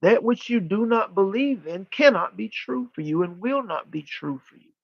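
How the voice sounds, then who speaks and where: A man channeling spiritual teachings like a seance medium, speaking as a guide in deliberate, formal, emphatic phrases with pauses and repetition, on a muffled recording. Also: sits high, lively intonation, vocal fry, no room sound. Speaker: channeler leading a live spiritual session.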